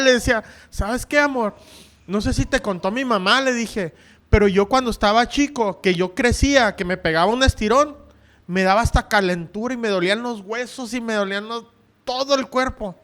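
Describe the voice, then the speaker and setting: A man's voice: extremely high pitch, moderate pace. A male pastor preaching a sermon, telling a personal story and acting out the voices of the people in it. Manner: storytelling, acting out quoted voices, rising to shouts.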